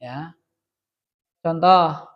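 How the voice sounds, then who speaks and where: A man's voice: on the high side, drawn-out words, lo-fi sound. A man with a Javanese accent teaching Arabic grammar in a classroom, explaining patiently and quizzing his students with frequent questions. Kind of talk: classroom lesson.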